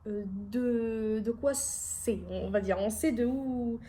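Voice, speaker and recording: A woman's voice: a little high, takes it slowly, dark tone, a little hiss or hum. A young woman chatting casually at home in a rambling, self-deprecating way, showing her haul to camera. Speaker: vlogger.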